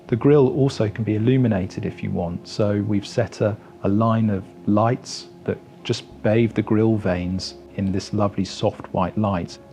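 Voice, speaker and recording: A man giving a product walkaround as a company presenter, speaking in a measured, explanatory way. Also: lowish voice, steady tone, dark tone, soft background music.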